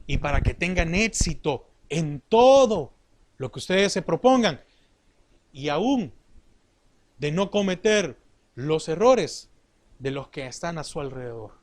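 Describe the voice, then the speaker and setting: A middle-aged man preaching a sermon in a slow, deliberate way, asking the congregation rhetorical questions. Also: fairly high pitch, very animated, slight background noise.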